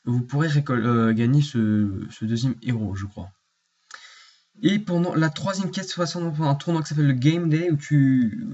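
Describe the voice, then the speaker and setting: A man's voice: mid-range voice, a little mellow. A man chatting informally to his viewers as he explains a card game, meandering from point to point. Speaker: card game video creator. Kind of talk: casual explainer talking to viewers. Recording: slightly muffled lo-fi recording.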